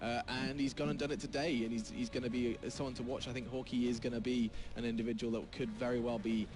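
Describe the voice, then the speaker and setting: Male esports caster, quick and emphatic, mid-pitched. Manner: energetic, emphatic play-by-play. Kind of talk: live esports commentary.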